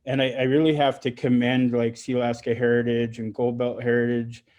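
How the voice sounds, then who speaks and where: A middle-aged man from Alaska speaking with heartfelt emotion on a panel, halting often and restarting his sentences. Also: mid-range voice, little pitch movement, darkish tone, muffled recording. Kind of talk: heartfelt personal remarks on a panel.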